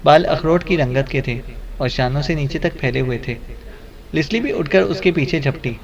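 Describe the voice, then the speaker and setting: A man narrating a detective audiobook in a steady storytelling manner. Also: fairly high pitch, distant mic. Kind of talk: scripted narration.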